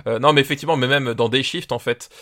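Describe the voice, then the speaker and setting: A man's voice: mid-range voice, fast talker, fairly bright tone. A man co-hosting a podcast, talking in an enthusiastic, slangy, casual way. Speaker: podcast co-host.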